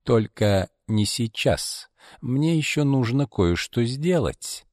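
A man voicing a cold, secretive woman fortune-teller who speaks quietly and slowly in an audiobook. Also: mid-range voice, animated, no echo, clean studio sound, voice pushed up. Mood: cold, hushed. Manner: quiet, slow, ominous.

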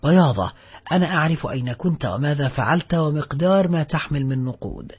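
A man's voice: a little high, expressive, fast, husky. A man voicing a hardened, vengeful male ex-convict in an audiobook, giving curt, menacing commands. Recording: muffled lo-fi recording, faint music.

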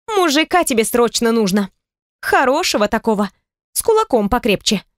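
A pushy, teasing pregnant girlfriend from an audiobook, her voice climbing high and bright with excitement, as a woman narrator puts her on. She talks in a dry, close recording. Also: normal speed, no room sound. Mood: teasing, excited. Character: chatty nosy pregnant young woman friend. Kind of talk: audiobook character reading.

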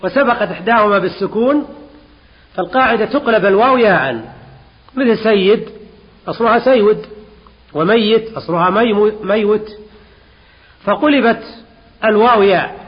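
A man with a fairly high voice and a tinge gives a classroom lesson, stopping to quiz his students and repeating key terms. The sound is dull and lo-fi, and a long reverb hangs in the hall. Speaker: teacher. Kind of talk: classroom lesson explaining a text.

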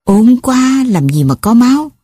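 A woman's voice: a little high, sing-song, a little slow, dark tone, slightly rough, dry recording, clean studio sound, pitched above the performer's own voice, heavily acted. A woman voicing a brusque, impatient male clinic clerk in an audiobook story, speaking curtly. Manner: curt, impatient.

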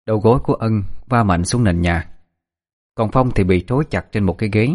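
A man narrating a dramatic story in steady scripted narration. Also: lowish voice, brisk, over music.

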